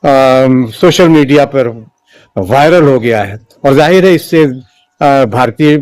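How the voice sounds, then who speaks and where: A man giving a spoken opinion commentary in a measured, halting way, with frequent restarts and fillers. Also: medium pitch, darkish tone, dry recording. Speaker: political commentator.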